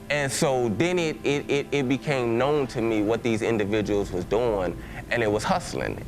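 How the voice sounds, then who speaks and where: Against a noisy background, a lowish-voiced Texas pastor with a Southern accent talks conversationally to a church about his personal testimony, often restarting and dropping in filler words.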